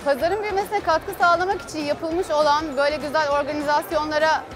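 A woman's voice: high voice, steady tone, fast talker, over music, a crowd in the background. A woman company representative giving a formal trade fair testimonial. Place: trade fair hall, indoors.

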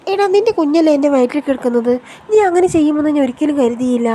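Woman reading an accusing young wife from a soap recap, high and pointed. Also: animated, quick pace, slight background noise. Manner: sharp accusing retorts.

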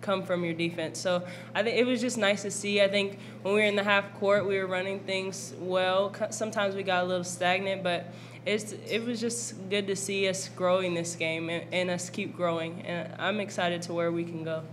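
A young woman basketball player answering questions at a post-game press conference, calm and measured, into a table mic. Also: medium pitch, a little hiss or hum. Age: young adult. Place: press conference room with backdrop.

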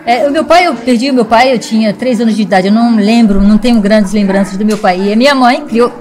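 In a slightly high, a little mellow voice, an earnest, forthright businesswoman from Rio de Janeiro talks quickly with a Carioca Brazilian Portuguese accent. She's a guest in a relaxed interview, seated in a small studio before a logo wall and speaking into a studio microphone on a boom arm.

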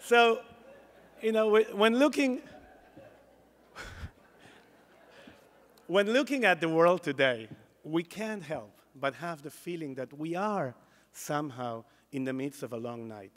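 A man's voice: a little high, slow pace, pauses often. A middle-aged man giving an earnest conference keynote from a podium on a hall stage, with emphatic delivery and frequent restarts. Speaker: CEO giving a conference address. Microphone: podium microphone.

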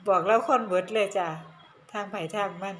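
A middle-aged vlogger from Northeast Thailand with an Isan Thai accent chats casually on a handheld phone camera, laughing often and teasing in an animated way. Her medium-pitched voice is fairly quick, with slight background noise.

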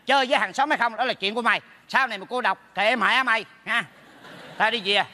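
An actor in a stage comedy sketch playing a meddling neighbor who teases in quick, mocking bursts and speaks with a Southern Vietnamese accent. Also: male voice, high voice, bright, forceful tone, big-room sound. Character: meddling, teasing male neighbor.

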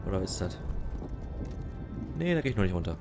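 Low-voiced man, flippant game commentary. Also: sing-song, brisk, over music. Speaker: let's player. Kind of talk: casual gameplay commentary.

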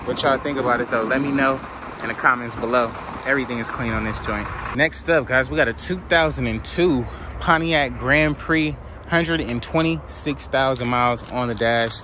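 A man's voice: medium pitch, moderate pace. A man vlogging a casual walkaround of cars at an outdoor auction lot, filmed on a handheld phone while he walks, chatting in slang and asking viewers to comment. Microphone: handheld phone camera, filming while walking. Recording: outdoor lot with clear background noise.

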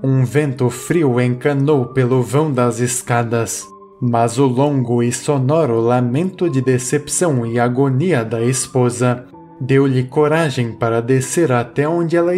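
A man reading a horror story aloud in a measured, suspenseful way, as the channel's narrator. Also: mid-range voice. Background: soft music.

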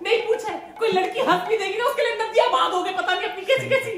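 एक महिला जो काम से परेशान माँ बनकर बेटे पर ताने मारते हुए लंबी शिकायत करती है।. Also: female voice, extremely high pitch, fast, fairly bright tone. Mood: fed-up. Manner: long complaining rant, sarcastic. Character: overworked fed-up mother ranting at her son. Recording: echoey room with music behind.

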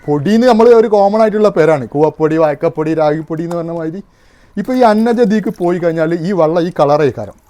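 A man talks through a hands-on demonstration in a relaxed, casual way. His voice sits high for a man. He explains one step at a time and keeps asking whether you have followed. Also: fast talker. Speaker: home arrowroot powder maker demonstrating.

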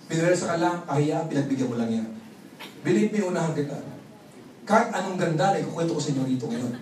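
A man from the Philippines giving an animated motivational seminar talk, telling stories, acting out both sides of the exchange, and laughing often. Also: on the high side. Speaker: marketing plan presenter. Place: large hall with live audience. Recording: echoey hall, crowd noise, distant mic.

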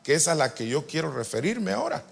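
A man preaching a sermon to pastors, animated and joking with the congregation, swinging from loud to soft. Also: a little high, fairly quick, creaky, husky. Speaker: apostle preaching. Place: church retreat hall.

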